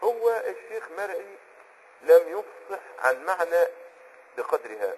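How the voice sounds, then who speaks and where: A man with an Egyptian accent teaching Islamic jurisprudence in a conversational explanatory lesson, often pausing on a filler word while he hunts for a term and checking that the listener is following. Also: high voice, sing-song, a little mellow, breathy edge, low-quality recording. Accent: Egyptian Arabic. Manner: checks on the listener with quick asides.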